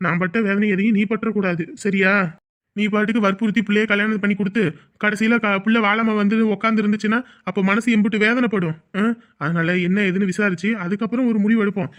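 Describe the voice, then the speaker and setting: A man's voice: high voice, steady tone, fast, a bit bright. A man playing a patient village elder. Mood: advising. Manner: patient, advising, checks for agreement. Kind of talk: village family drama acting. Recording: dull lo-fi recording.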